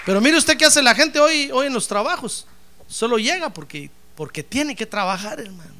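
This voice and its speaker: A man preaching a fervent sermon as pastor, calling out to his listeners as brothers and breaking into loud praise. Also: extremely high pitch, animated, moderate pace, noisy background. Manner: bursts into loud praise shouts.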